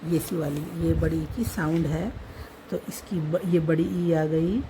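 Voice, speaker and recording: A woman teaching how to write words in a script, spelling out each letter slowly and repeating the words as she goes. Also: low voice, steady tone, background noise. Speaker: language teacher. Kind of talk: slow step-by-step writing lesson.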